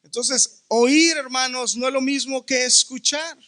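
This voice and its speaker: A man preaching a sermon as a pastor, teaching with rhetorical questions and drawing out key words slowly. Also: very high voice, steady tone, pushed and bright. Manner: asks the listeners rhetorical questions.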